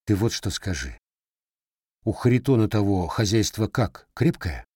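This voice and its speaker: A man's voice: fairly low pitch, very animated, measured pace, a little mellow, slightly rough, no echo, studio quality, heavily acted. A man voicing a guarded, scarred young Cossack with plain, blunt village speech.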